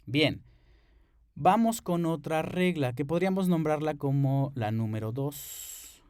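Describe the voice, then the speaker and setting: A man's voice: on the high side, lively intonation, takes it slowly, a little mellow, clear, resonant tone, dry recording. A man teaching an English grammar lesson at a board, patient, explaining rules step by step and checking in with his students.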